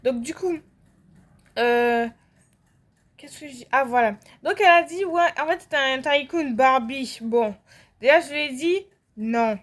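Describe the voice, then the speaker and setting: Chatty high-voiced French young woman. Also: a little slow. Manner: rambling, lots of fillers and restarts, sudden outbursts. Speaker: gaming vlogger. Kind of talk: casual chat while playing.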